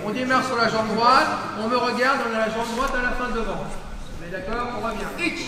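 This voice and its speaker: A man teaching an aikido class in a gymnasium, calling out drill commands, often shouting. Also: very high voice, fairly even intonation, brisk, crowd noise. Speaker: aikido instructor. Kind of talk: teaching a group class on the mat. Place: large gymnasium. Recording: echoey gym from far off, with noise.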